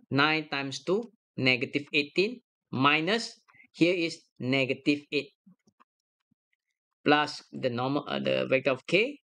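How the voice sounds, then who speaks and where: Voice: medium pitch, a bit bright. A math lecturer talking through a worked problem step by step on a screen recording, checking each sum aloud. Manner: works aloud step by step, checking their own sums.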